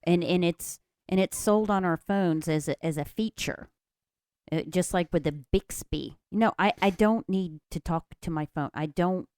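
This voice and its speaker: A woman in her fifties with a low voice who co-hosts a casual podcast. She cuts in with short, dry remarks. The recording is close and dry. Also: unhurried, darkish tone, dry recording. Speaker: podcast co-host. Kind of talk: casual discussion.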